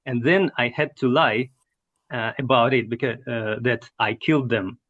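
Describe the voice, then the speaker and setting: A man telling a personal story in an online study group, halting and searching for words. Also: mid-range voice, steady tone, fairly bright tone, dull audio.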